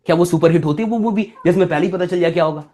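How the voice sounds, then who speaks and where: Male speaking coach from India, motivational lecture, lively delivery with big swings in volume. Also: high-pitched, racing. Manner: animated, swings between loud and soft, keeps asking "right?".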